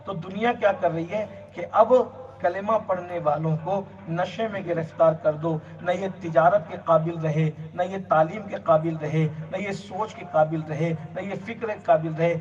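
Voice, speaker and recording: A man's voice: high-pitched, fairly even intonation, a little mellow. A man preaching a religious sermon in an emphatic way, building long repeated lists. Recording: distant, dull lo-fi sound.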